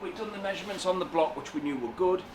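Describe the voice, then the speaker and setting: A man's voice: high-pitched, fast. A man working as an engine builder, giving a casual technical explanation in a workshop. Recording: clear background noise in workshop.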